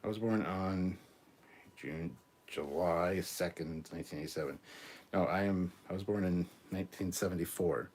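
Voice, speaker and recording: A man in his forties hosting a live stream, chatting casually and answering viewer comments in a rambling, relaxed way with many ums and restarts. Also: sits low, moderate pace, slight background noise. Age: 40s.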